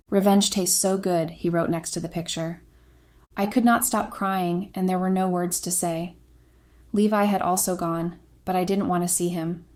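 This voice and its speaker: A woman reading a scripted first-person confessional story in a steady, even delivery. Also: lowish voice.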